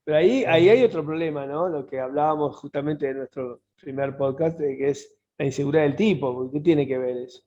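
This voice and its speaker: A man's voice: a little high, a little fast, hardly any pauses, darkish tone. A man, co-hosting a casual podcast and reasoning through his points step by step. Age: 50s. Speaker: podcast co-host. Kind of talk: casual conversation. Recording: dull lo-fi sound.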